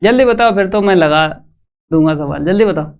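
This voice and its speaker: A man's voice: sits high, brisk. A man teaching maths in a live online class, walking students through each step and putting questions to the chat. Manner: calls students "bhai".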